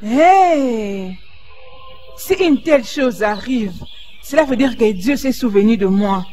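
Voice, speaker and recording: An actress dubbing an excitable young woman who keeps crying out with delight for her friend. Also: a little high, slow pace, slight background noise. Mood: excited. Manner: excitable, exclaiming. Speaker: bride-to-be's friend. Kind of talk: dubbed film acting.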